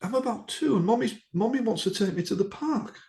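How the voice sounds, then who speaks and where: A man's voice: high voice, animated, brisk, vocal fry, darkish tone, echoey room, pitched above the performer's own voice. A man voicing an older woman who is reliving a toddler memory in a childlike, panicked way.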